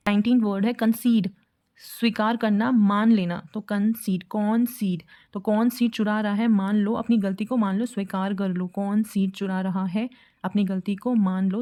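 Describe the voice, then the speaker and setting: Woman, young adult, vocabulary lesson, memory-trick stories, warm mellow tone. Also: medium pitch. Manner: explains word tricks with little stories, acts out quotes. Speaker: vocabulary teacher. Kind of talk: exam-prep vocabulary lesson.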